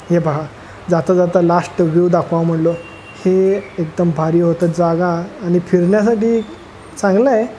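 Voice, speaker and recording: High-voiced joking young male vlogger. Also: mellow, a little hiss or hum, rough recording. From Solapur, Maharashtra. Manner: rambling, joking, addresses viewers as friends. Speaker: travel vlogger. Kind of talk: casual travel vlog voice-over.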